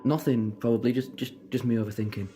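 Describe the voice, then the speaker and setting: A man acting a brooding, self-reproachful time-travelling Doctor in an audio drama, with deliberate, halting, theatrical phrasing. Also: medium pitch, steady tone, dark tone, natural voice. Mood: puzzled, brooding.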